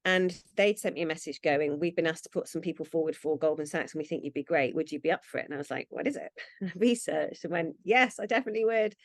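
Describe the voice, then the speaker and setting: A woman's voice: low-pitched, fast talker, dry recording, clean studio sound. A woman, a brand founder, chatting in an interview and acting out her own past thoughts. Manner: chatty, acts out quoted thoughts. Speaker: brand founder, podcast guest. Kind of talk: casual interview chat.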